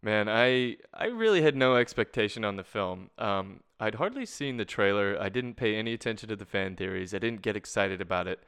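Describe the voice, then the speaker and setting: A man's voice: lowish voice, expressive, brisk, few pauses, fairly bright tone, clear, resonant tone. A young man with a Canadian accent hosting a casual film podcast, talking with enthusiasm and laughing easily. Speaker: podcast host.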